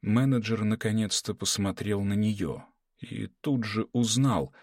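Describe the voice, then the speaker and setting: A man with a lowish voice reads an audiobook in a measured, dramatic manner. The sound is dry and close, with no room around it. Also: darkish tone, no echo. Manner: measured, dramatic reading, voices characters in dialogue. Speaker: audiobook narrator. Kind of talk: scripted narration with character voices.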